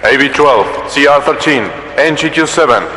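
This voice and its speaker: An actor playing a gruff, scornful overseer of laborers in an English anime dub. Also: male voice, on the high side, moderate pace, bright, forceful tone. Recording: long reverb, faint machinery noise.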